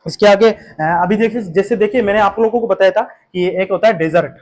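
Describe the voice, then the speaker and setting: A man's voice: high-pitched, brisk, a little mellow. A man teaching English vocabulary for an exam, explaining in a patient, repetitive way with frequent fillers and check-in questions, and an Indian English accent. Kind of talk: exam-prep vocabulary lesson.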